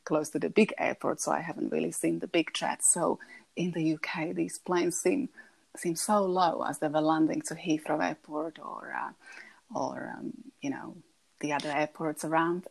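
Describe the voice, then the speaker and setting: A woman in her thirties with a Slovak accent speaks as a podcast guest. Her voice sits low and stays quite flat in pitch. She is soft-spoken and pauses often to find her words. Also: gravelly, husky. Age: 30s. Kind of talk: conversational interview.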